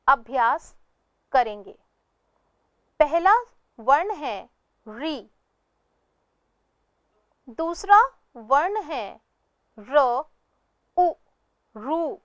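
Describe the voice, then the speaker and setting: A woman's voice: sits high, lively intonation, extremely slow, pauses often, fairly bright tone, no echo. A woman teaching a pronunciation lesson, sounding words out letter by letter and then blending them. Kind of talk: slow, spelled-out pronunciation lesson.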